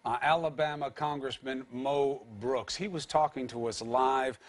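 A male news anchor introducing a guest on a morning show. His voice is mid-pitched, and he delivers each line in a measured, earnest way. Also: fairly even intonation.

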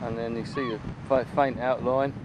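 Mid-range and level in tone, a man speaking at a normal speed offers rambling, chatty, unscripted remarks while filming his walk along an open beach at low tide. The handheld camera's built-in mic records it outdoors, with distinct wind and water noise.

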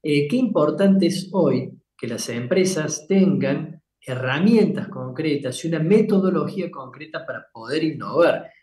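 Man explaining, slightly higher voice, roomy. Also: lively intonation, darkish tone. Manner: explanatory, measured, frequent tag questions. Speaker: guest, company founder. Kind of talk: casual business interview.

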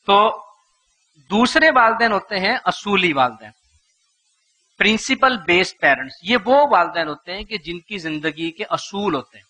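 A man's voice: high voice, lively intonation, bright, forceful tone. A man giving a motivational lecture to a live audience, speaking rhetorically, putting questions to the listeners and acting out what parents say.

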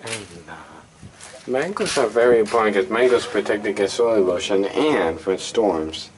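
Low voiced guy doing casual tour vlog, echoey brick tunnel sound, noisy camera mic. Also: expressive, measured pace. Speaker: vlog host and nature guide. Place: echoing brick vaulted casemates of an old fort. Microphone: handheld camera microphone. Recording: echoing, noisy handheld camera audio.

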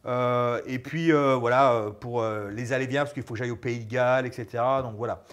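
Clear and resonant, his mid-range voice moves a little fast. The speaker, in his forties, is a one-time fighter now working as an actor and stuntman, and he's a lively, gesturing guest in a relaxed interview chat, miked with a lapel in a small studio lounge.

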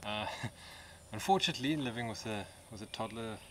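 A relaxed Australian man in his thirties with a very low voice, chatting casually through a camping vlog. He talks at an easy pace with plenty of fillers. Insects and crickets buzz clearly in the bush around him. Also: moderate pace. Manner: relaxed, easygoing, with frequent fillers. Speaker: camping vlogger. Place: outdoor bush campsite. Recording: outdoor recording with insect noise.

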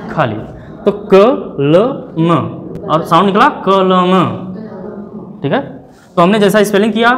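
A man teaching a classroom lecture, breaking words down letter by letter in a slow, deliberate way. He keeps turning to his students with rhetorical questions and pushes them to answer. His delivery is that of a teacher talking to a room of learners. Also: high-pitched, a bit bright. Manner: spells words out slowly, sound by sound. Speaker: English teacher.

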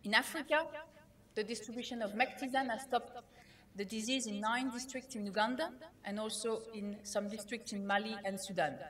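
A woman whose first language is not English, giving a conference keynote in a measured way, with frequent fillers and restarts. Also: a little high, fairly even intonation, crowd noise. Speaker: keynote speaker.

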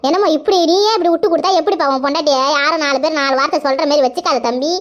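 A woman's voice: high-pitched, racing, close to an everyday voice. A woman voicing a motherly neighbor in a cartoon who lectures a young man. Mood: chiding. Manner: lecturing, chiding.

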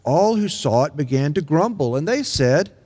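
Older male preacher at a pulpit mic, earnest and measured, a touch high, long church reverb. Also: sing-song, mellow. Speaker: interim pastor. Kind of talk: sermon. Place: large church sanctuary, indoors. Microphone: pulpit microphone. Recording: long reverb of a large sanctuary.

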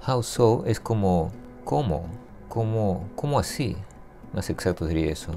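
Man with a low, gravelly voice teaching. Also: animated. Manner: patient, repeats phrases slowly. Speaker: English teacher. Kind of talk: explaining grammar step by step. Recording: soft guitar music behind.

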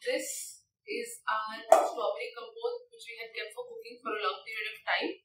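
Recorded at a distance in an echoey teaching kitchen, this young female chef instructor explains a dish one step at a time, peppering her instructions with "okay" and "right." Her somewhat high voice swings widely in pitch at a normal speed. The recording is very noisy.

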